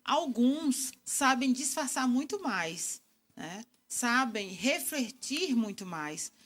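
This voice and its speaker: A middle-aged woman answering interview questions in a calm, reflective, explanatory way. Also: a little high, takes it slowly. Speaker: guest communication expert.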